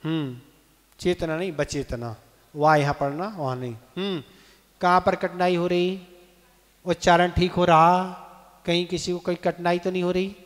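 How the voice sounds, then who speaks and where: Slow high-voiced monk in a reverberant temple hall. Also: male voice, steady tone. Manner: slow, deliberate, breaks verse into syllables for listeners to repeat; asks the audience questions. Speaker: Jain monk teaching scripture. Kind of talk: scripture lesson, call-and-repeat recitation.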